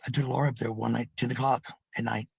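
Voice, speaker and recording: In a mid-range, gravelly, husky voice, a middle-aged man addresses viewers casually, rambling bluntly and profanely while repeating phrases to make his point. He speaks fast in a level tone, recorded dry with studio quality.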